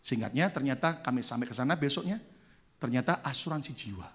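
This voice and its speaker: Speaking quickly in a slightly rough, mid-range voice, a male pastor preaches in church. His sermon is a story he brings to life by acting out each person in it.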